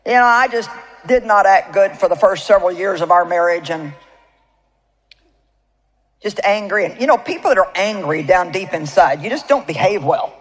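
A woman's voice: medium pitch, expressive, normal speed, low-quality recording. A woman preacher giving a sermon to a live audience, emphatic and storytelling, often asking the crowd rhetorical questions. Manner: storytelling with personal anecdotes.

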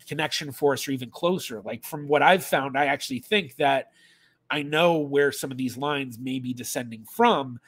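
With a fairly high, fairly bright voice and no room sound, this thirtysomething man streams live from a small room in his home. He's a genealogist answering viewer questions in a relaxed way, often musing out loud, restarting, and using fillers.

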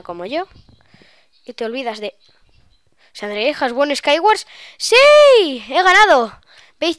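Smooth-voiced young woman gamer. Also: mid-range voice, no echo. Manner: chatty, excitable, bursts of shrieks. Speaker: gaming YouTuber. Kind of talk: live gameplay commentary.

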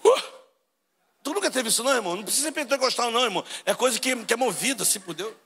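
A man's voice: extremely high pitch, animated, rapid-fire, pushed and bright, long reverb tail, a little hiss or hum. A middle-aged man from Brazil with a Carioca accent, preaching a sermon and telling a story while acting out the dialogue. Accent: Carioca Portuguese. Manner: storytelling, acts out dialogue, addresses crowd as brother.

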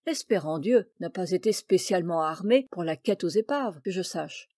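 A woman's voice: on the low side, lively intonation, normal speed, dark tone, dry recording, studio quality. A woman voicing a stern, formal male maritime commissioner who lectures in an audiobook. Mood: lecturing.

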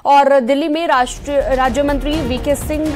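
A young woman anchoring a TV news bulletin in a studio, reading briskly and formally. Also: sits high, steady tone, darkish tone. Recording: broadcast bed music underneath.

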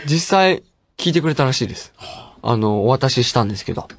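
A man's voice: medium pitch, expressive, fairly quick, no room sound. A man hosting a radio show, reading listener mail in a playful, chatty way and laughing often.

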